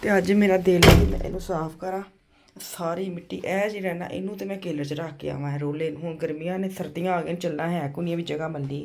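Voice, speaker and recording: A middle-aged woman with a Punjabi accent narrating a home vlog voice-over, speaking softly through a sore throat, chatting directly to her viewers. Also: on the low side, fairly even intonation, fairly quick. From Pakistan. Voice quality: hushed, softly spoken. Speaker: vlogger. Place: home kitchen.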